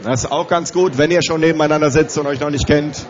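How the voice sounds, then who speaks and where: Despite a cold that leaves his voice slightly strained, a youth leaders' conference host addresses the audience in a large hall with energy and gives them instructions. His pitch is fairly high, his intonation fairly even, and he talks fast. The highs are cut off.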